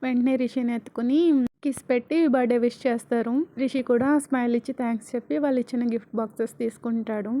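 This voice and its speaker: A woman's voice: fairly high pitch, flat delivery, fast, dark tone. Chatty woman telling a story. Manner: chatty, conversational. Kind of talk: casual story narration.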